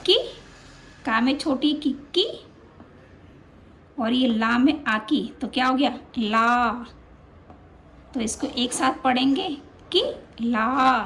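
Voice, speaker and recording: A woman teaches a children's lesson in a high voice. She speaks slowly and patiently, stretching and repeating each sound so it sinks in. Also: creaky, fairly bright tone, a little hiss or hum.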